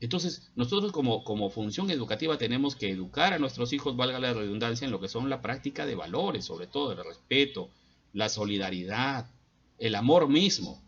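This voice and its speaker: A middle-aged man, a school psychologist giving an earnest advice talk to parents, often pausing on hesitant fillers. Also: mid-range voice, lively intonation, husky, muffled recording. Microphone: laptop.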